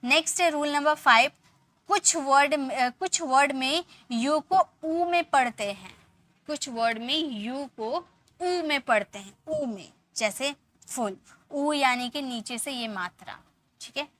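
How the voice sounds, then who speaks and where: A woman's voice: high voice, a bit bright. A woman teaching English pronunciation rules, patiently repeating example words and asking her students questions.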